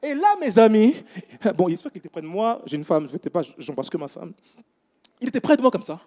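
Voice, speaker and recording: A man in his thirties preaches a sermon in church, his voice sitting high and his pace quick. He tells stories with animation and tosses casual asides to the congregation.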